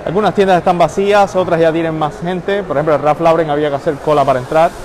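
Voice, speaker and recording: Speaking quickly in a fairly even, slightly high voice, this male livestream host walks through a crowded shopping mall on a live tour, calling out to viewers by name. The stream comes from a handheld phone camera, and loud crowd and mall ambience fill the background.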